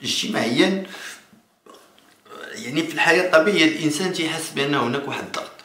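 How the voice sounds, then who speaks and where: A man in his thirties with a Moroccan accent, giving spontaneous political commentary to camera in a halting way, repeating and restarting phrases. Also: on the high side, expressive, sharp tone. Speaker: political vlogger. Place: small indoor room. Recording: echoey room.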